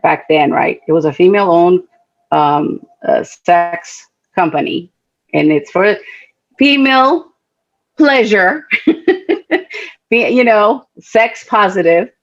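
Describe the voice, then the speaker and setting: On a muffled recording, a middle-aged woman from Guatemala speaks with a fairly low pitch. She's a panelist at a talk event telling personal stories, and she comes across as earnest, heartfelt and conversational, filling her speech with frequent fillers.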